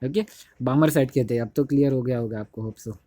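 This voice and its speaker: A man's voice: medium pitch, fast, dark tone, no echo. A young man teaching a chemistry lesson in casual Hindi classroom style, repeating himself and correcting slips as he writes. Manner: repetitive, keeps saying "dekho", self-correcting. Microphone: phone held while writing on screen.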